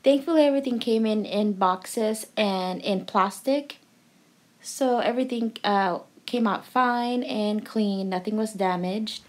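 A woman's voice: mid-range voice, unhurried. A young adult woman vlogger giving a cheerful, chatty voice-over for a home video, with frequent ums and uhs.

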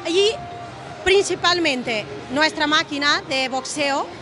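A woman's voice: sits high, takes it slowly. A young woman with a Portuguese accent, a brand representative speaking in hesitant Spanish with many filler sounds at a fitness trade fair, into a handheld reporter mic. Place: large exhibition hall at a fitness fair. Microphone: handheld reporter mic held to her. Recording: loud music and crowd in hall.

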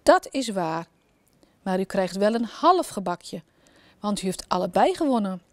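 A woman's voice: mid-range voice, very animated, measured pace, dry recording. Woman doing a dry, businesslike footman. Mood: matter-of-fact. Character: calm, matter-of-fact male footman.

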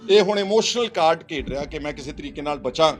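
Forceful Punjabi-accented man, politician. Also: a little high, animated, fast talker, faint music behind. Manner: insistent, rhetorical, repeats phrases for emphasis. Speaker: politician answering reporters. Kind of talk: press interaction, mixing English phrases.

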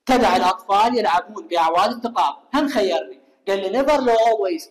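This recorded classroom lesson features a man with an Iraqi Arabic accent teaching English in a high, expressive voice. He answers his own questions to the students and reads example sentences with slow care, all in a room with long, echoey reverb.

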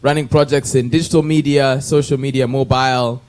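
A man's voice: mid-range voice, fairly even intonation, a little fast, darkish tone. A man in his thirties from Kenya, introducing himself playfully into a handheld mic in a conference room. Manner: playful, chatty. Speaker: conference participant. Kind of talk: self-introduction to an audience.

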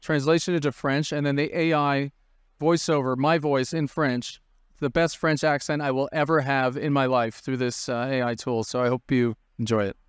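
A man's voice: medium pitch, steady tone, normal speed, clear, resonant tone, no room sound, clean studio sound. A man hosting a conference session, introducing a demo in a friendly way. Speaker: host, session presenter. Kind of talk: presentation hand-off.

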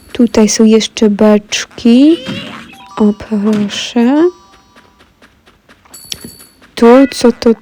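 A woman's voice: fairly high pitch, mellow. A woman with a cold and a stuffy throat, chatting to viewers while she plays a game. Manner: chatty, talks straight to viewers. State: congested with a cold. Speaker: let's play gamer. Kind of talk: casual gameplay commentary.

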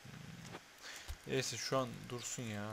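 A man's voice: medium pitch, steady tone, takes it slowly, vocal fry, background noise. A man commentating on a football video game he is playing, talking to the players on screen, swearing, and getting worked up over fouls. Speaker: gaming YouTuber.

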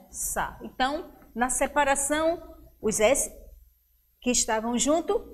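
A woman teacher with a Brazilian Portuguese accent speaks at an unhurried pace in a slightly high voice. She stretches out each word slowly and clearly as she sounds out syllables for young children in a televised lesson. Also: fairly bright tone. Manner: slow, clear, drawn-out syllables when sounding out words. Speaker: primary school teacher.

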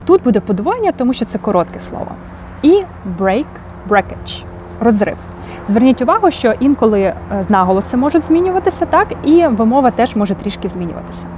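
A woman's voice: fairly high pitch, big pitch swings, fairly quick, a little mellow, a little hiss or hum. A woman with a Ukrainian accent teaching English vocabulary, explaining patiently and often checking in with "так?". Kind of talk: vocabulary lesson.

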